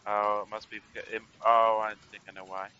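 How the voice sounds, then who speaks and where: A man's voice: lowish voice, little pitch movement, a little fast, pushed and bright, smooth, highs cut off. A man playing a video game with a friend, teasing and laid-back in casual chat. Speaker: co-player.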